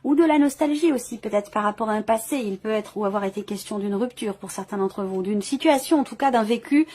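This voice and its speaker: Hosting a video tarot reading, a woman offers improvised, intuitive commentary in a medium-pitched, slightly mellow voice at a fairly quick pace. She feels her way through her phrases, hesitating and rewording again and again as she goes.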